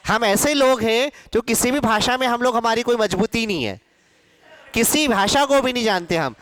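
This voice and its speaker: A man teaching a Hindi class, slowly stretching and repeating syllables to drill pronunciation, and emphatically scolding students about common mistakes. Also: extremely high pitch, expressive, fairly bright tone, dry recording. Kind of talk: classroom lecture for exam students.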